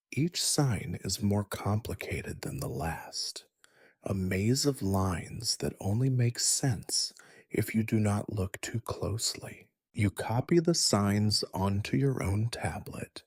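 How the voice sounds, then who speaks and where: A man narrating a sleep story in a soft, gentle whispered role-play, close to the mic. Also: on the low side, slightly rough, no room sound.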